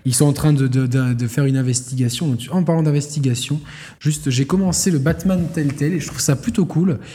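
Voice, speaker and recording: French podcast guy, dark hall echo. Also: on the high side, a little fast. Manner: rambling, many fillers and restarts. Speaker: podcast co-host. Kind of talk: casual gaming podcast chat.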